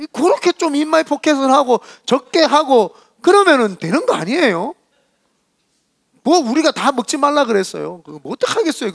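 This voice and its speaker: A man's voice: very high-pitched, fairly bright tone, dry recording, studio quality. A middle-aged Korean man with a Gyeongsang accent preaching a sermon as senior pastor, emphatic and scolding, full of rhetorical questions. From South Korea.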